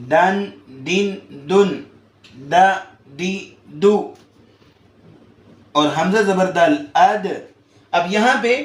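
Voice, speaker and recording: A man teaching Quran recitation, drilling each syllable slowly and deliberately. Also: high-pitched, echoey room. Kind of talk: tajweed lesson with drilled syllables.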